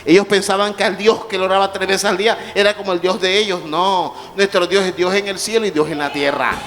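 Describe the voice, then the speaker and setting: A man with a high, ringing voice preaches in a church sanctuary, moving between quiet scripture reading and shouted calls to the congregation. The sound carries the long reverb of a big hall, with soft music underneath. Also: fairly even intonation, a little fast. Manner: preaching with call-and-response, rising to shouts. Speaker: pastor. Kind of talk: sermon.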